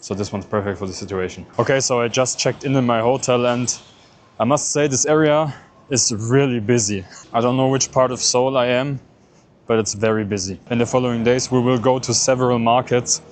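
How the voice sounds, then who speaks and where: Moving between an airport and a busy city street, a German-native travel vlogger talks casually through each step of his trip. He speaks in a lowish voice, with slight background noise.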